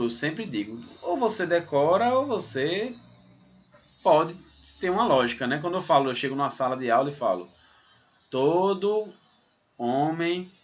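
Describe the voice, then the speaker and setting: Lively male teacher with muffled sound. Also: a little high. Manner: lively, explains step by step, uses "ó" and "né?" as tags. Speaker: math teacher. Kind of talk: recorded exam-prep lesson. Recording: slightly dull, muffled sound.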